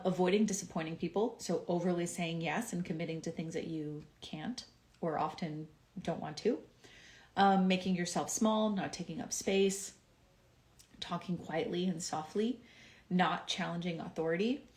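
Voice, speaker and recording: A woman hosting a casual live stream, talking to viewers in a conversational way with frequent fillers and little acted-out quotes. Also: on the low side.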